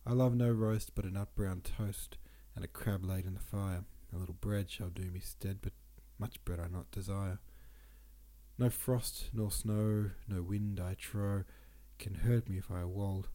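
This man speaks low and a little slowly. He hosts a podcast where he reads old poetry and talks about it casually, adding relaxed asides, and he sounds congested and sniffly throughout.

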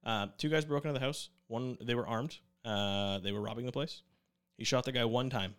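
A man's voice: mid-range voice, a little fast, clear, resonant tone. A young man co-hosting a podcast, chatting casually and rambling with jokes, fillers and restarts. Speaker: podcast co-host.

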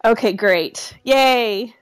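A woman's voice: fairly high pitch, very slow, clear, resonant tone, dry recording, studio quality. A woman podcast co-host chatting casually, playfully protesting, with a voice that sounds worn and under the weather from a cold.

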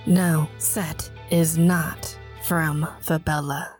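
A man's voice: on the high side, flat delivery, drawn-out words, over loud music, voice pushed up. A man voicing a brash, cheeky teenage girl who travels through time, with a sassy, mocking way of talking. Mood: serious. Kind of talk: audiobook narration.

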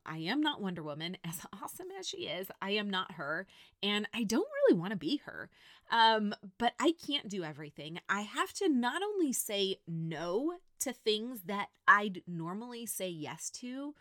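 A woman's voice: mid-range voice, a bit bright, dry recording, studio quality. A woman in her thirties hosting a faith-based podcast, talking earnestly and directly to her listeners. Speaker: podcast host. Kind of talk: faith-based personal reflection.

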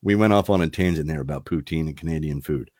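A man's voice: extremely low pitch, fast, a little mellow. A man hosting a casual podcast chat, rambling and wandering off on tangents. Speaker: podcast host.

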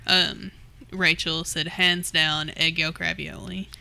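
Bright Southern Kentucky woman, casually chatting. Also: sits low, level tone, takes it slowly, vocal fry. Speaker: talk show host. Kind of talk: casual chat, reading out audience comments.

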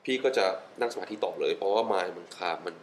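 A young man with a fairly low voice talks with real enthusiasm, laughing often and repeating words for emphasis. His tone stays casual and chatty. A faint noise sits under the recording. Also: a little fast, low-quality recording. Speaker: wellness guest. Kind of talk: casual interview chat mixing English.

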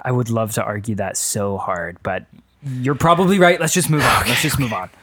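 Wry, halting male podcast co-host. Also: medium pitch, animated, fairly bright tone. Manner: halting, self-correcting, wry. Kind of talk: casual chat.

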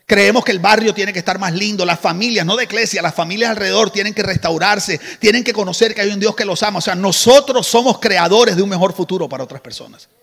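A man preaching a lively sermon to a congregation as the church's pastor, joking with the crowd and having them repeat after him. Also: sits high, fast, gravelly, few pauses, husky, in a large hall. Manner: animated, joking asides to the congregation.

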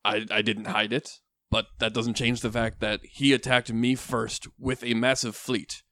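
A man's voice: medium pitch, little pitch movement, unhurried, bright, forceful tone, no echo, clean studio sound. A man playing a defiant, self-justifying pirate lord in a tabletop game, firm and formal. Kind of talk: tabletop role-play.

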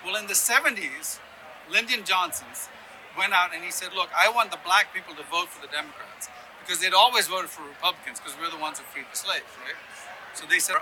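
Speaking in a bright, forceful, high-sitting voice, a Ghana-born man who grew up in Sudan, Yemen and Ethiopia gives opinionated political explanations as an interview guest. The conservative activist often checks in with "right?", and the poor audio carries slight background noise.

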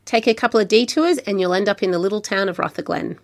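A woman's voice: medium pitch, fast, gravelly. A woman with an Australian accent hosting a podcast, reading a friendly travel narration and chatting with a guest. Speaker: podcast host. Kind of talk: scripted narration and casual interview.

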